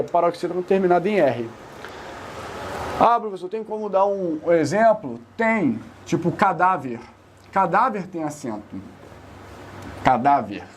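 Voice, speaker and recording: A male Portuguese teacher leading an exam-prep grammar lesson, repeating key terms for emphasis and slowing down to stress rules. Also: fairly high pitch, a little mellow, slight background noise.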